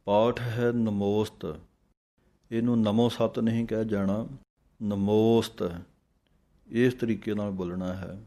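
Slow, mellow male recitation teacher. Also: fairly low pitch, fairly even intonation. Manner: chants verses slowly, then explains pronunciation quickly. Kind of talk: slow recitation with pronunciation guidance.

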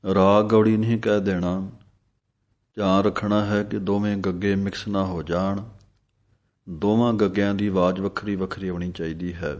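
A man teaching pronunciation of sacred verses, reciting them slowly and carefully word by word. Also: deep voice, little pitch movement, darkish tone. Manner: slow, careful, deliberate; draws out each word of the verses. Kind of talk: pronunciation lesson with slow chanted recitation.

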